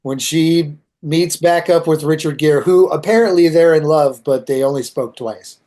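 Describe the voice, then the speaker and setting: A man chatting on a podcast with a sarcastic, profane edge. His voice sits a little high for a man, and he slips into mocking impressions as he rants. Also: moderate pace, warm tone. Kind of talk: casual chat.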